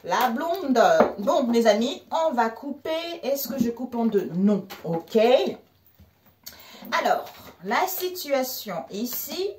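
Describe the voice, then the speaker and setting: Woman, a tarot reader chatting with viewers, lively and laughing, higher voice, recorded a bit off-mic in an echoey room with faint background noise. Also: takes it slowly, far from the mic. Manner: animated, laughs often, addresses viewers as friends. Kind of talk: live tarot reading chat.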